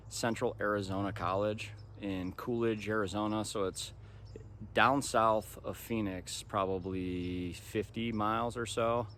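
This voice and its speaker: An American man in his thirties talking informally to camera as a vlog host, recapping things conversationally. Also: fairly low pitch. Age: 30s. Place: outdoors, park path and parking lot. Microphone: phone at arm's length. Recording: faint outdoor background noise.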